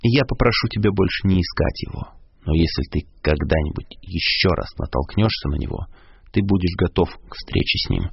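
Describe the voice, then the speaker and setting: Man reading old wise wizard headmaster, calm, kindly, wry, gravelly low voice, dull lo-fi radio sound. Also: a little fast, no echo, full character voice. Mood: gentle wise. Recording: lo-fi radio broadcast.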